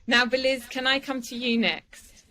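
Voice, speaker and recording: A woman's voice: high-pitched, flat delivery, normal speed, sharp tone, low-quality recording. A woman hosting a podcast, welcoming and interviewing guests. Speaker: podcast host.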